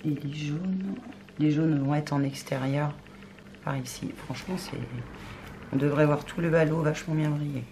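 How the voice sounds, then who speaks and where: Soft-spoken woman chatting over background noise. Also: deep voice, steady tone, normal speed, low-quality recording. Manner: chatty, often murmured and soft, thinking aloud with many fillers. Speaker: crafts video host. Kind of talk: casual unboxing chat.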